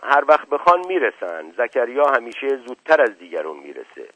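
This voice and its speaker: A man's voice: mid-range voice, wildly swooping pitch, fairly bright tone, dry recording, voice pushed up. A man voicing a blunt old village headman. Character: older male village headman, blunt go-between. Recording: dull lo-fi radio recording.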